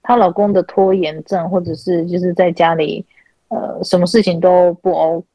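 A woman's voice: lowish voice, level tone, moderate pace, warm tone, no room sound, poor audio. A woman, hosting an online chat and animatedly retelling counseling sessions, acting out quoted dialogue. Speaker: podcast host and spiritual counselor. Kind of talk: casual chat, telling client stories. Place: online chat room call.

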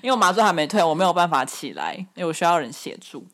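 A woman with a Taiwanese Mandarin accent co-hosting a podcast, telling a story in lively casual chat and acting out the people she quotes. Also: fairly low pitch, racing. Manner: animated storytelling, acts out quoted voices. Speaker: podcast co-host.

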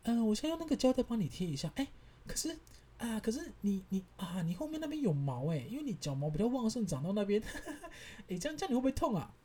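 A man's voice: high voice, sing-song, quick pace, mellow, voice pushed up. A man imitating a giggly female nurse who teases a patient with mock concern. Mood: teasing.

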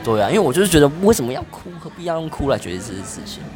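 A young man hosts a casual podcast chat. He talks quickly, and his pitch jumps around as he tells stories. The result is lively and animated. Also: over music. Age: 20s. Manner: animated, fast storytelling with laughs. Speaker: podcast host.

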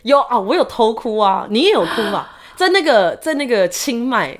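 A woman's voice: a little high, very animated, moderate pace. A woman co-hosting a podcast in casual chat, telling her own stories expressively with laughter and English words mixed in. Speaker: podcast co-host.

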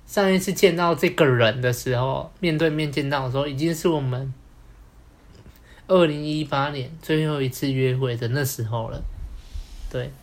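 A young man with a Taiwanese Mandarin accent co-hosts a podcast, telling a personal story in a casual, rambling way full of fillers. His voice is mid-range and his speed normal.

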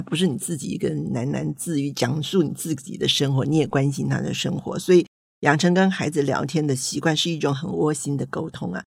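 This older woman speaks in a low, gravelly, slightly rough voice, captured dry with clean studio sound. An author with a Taiwanese Mandarin accent, she tells folksy stories about her grandchildren and performs the family's dialogue.

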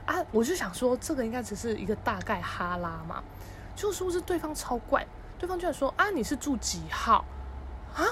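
Animated young woman with a Taiwanese accent. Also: a little high, a little hiss or hum. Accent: Taiwanese Mandarin. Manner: animated, acts out family members' voices, laughs often. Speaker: podcast host. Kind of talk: casual storytelling monologue.

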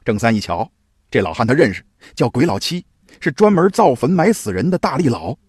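Animated, husky male storyteller. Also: mid-range voice, brisk, no echo, studio quality. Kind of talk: folk tale storytelling.

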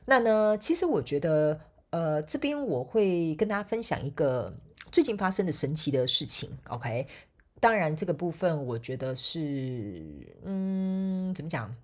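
A woman's voice: sits low, sing-song, measured pace, a little mellow. A woman from Taiwan with a Taiwanese Mandarin accent, hosting a solo podcast and telling a story in a chatty way, laughing often and groping for words. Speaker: podcast host and motivational speaker.

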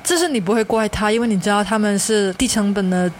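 A woman's voice: medium pitch, fast talker, a little hiss or hum. A woman in her late twenties speaking Mandarin with a Hong Kong Cantonese accent, chatting casually as a podcast co-host with playful, self-mocking banter. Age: late 20s. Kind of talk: casual joking chat.

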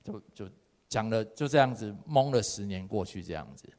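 A man preaching a sermon. He reads scripture and gives his own testimony, swinging from soft to loud and slipping into Hokkien phrases. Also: fairly low pitch, lively intonation, moderate pace. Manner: mixes Taiwanese Hokkien phrases into Mandarin. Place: church hall. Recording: long hall reverb.

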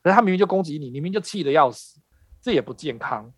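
A man's voice: a little high, animated, rapid-fire, breathy edge, dry recording. A man hosting a casual talk show and asking his co-host questions in a chatty, joking way. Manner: chatty, asks questions with many tag particles and laughs.

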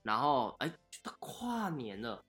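A man's voice: medium pitch, sing-song, measured pace, a bit bright, faint music behind. A man, co-hosting a casual podcast chat, chatty and self-mocking. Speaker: podcast co-host.

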